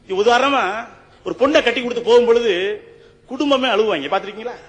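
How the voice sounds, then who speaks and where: A man's voice: very high-pitched, quick pace, in a large hall, dull audio. A man giving a humorous, rhetorical debate speech on stage and often turning to address the judge.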